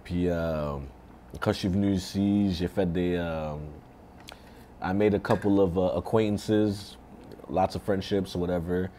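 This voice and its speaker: Low voiced singer guy, chill, flips between french and english mid sentence. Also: measured pace, a little hiss or hum. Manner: switches often between French and English, relaxed. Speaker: singer guest. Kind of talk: casual interview chat.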